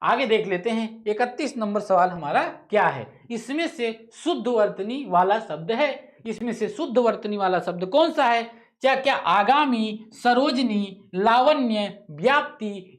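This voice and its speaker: A male teacher leading an online test-solving class, repeating each question, thinking aloud, correcting himself and tossing casual asides to students. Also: high voice. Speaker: exam-prep teacher.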